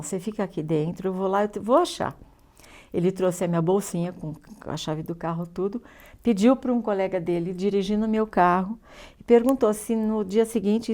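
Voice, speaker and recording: Older Brazilian woman telling a story. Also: mid-range voice. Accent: Brazilian Portuguese. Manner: lively storyteller, acts out dialogue. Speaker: guest. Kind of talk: storytelling in an interview.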